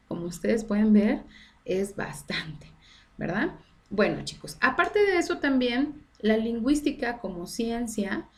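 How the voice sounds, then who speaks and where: A woman teacher talking through a lesson for an online class. She explains patiently, one point at a time, and keeps checking in with her students with short questions. Her voice sits at an ordinary middle pitch. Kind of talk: recorded online class lecture.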